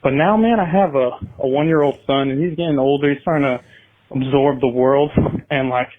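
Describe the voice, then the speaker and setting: A man's voice: mid-range voice, a little fast. Man on a tinny phone line. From United States. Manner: rambling, casual, profane. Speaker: caller. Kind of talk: phoned-in voicemail question.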